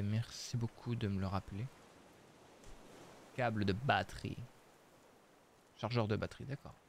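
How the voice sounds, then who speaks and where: A man's voice: medium pitch, darkish tone, slight background noise. A man casually commenting on his survival game as he plays, thinking aloud with many hesitations. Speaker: streamer playing a survival game.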